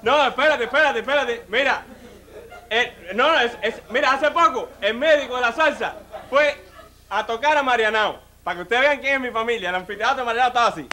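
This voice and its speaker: A man's voice: extremely high pitch, a little fast, pushed and bright. A man with a Cuban accent doing a stand-up comedy routine on stage, talking straight to the audience with lots of "mira" and "listen". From Cuba. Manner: chatty, addresses the audience directly, lots of "mira" and "óyeme".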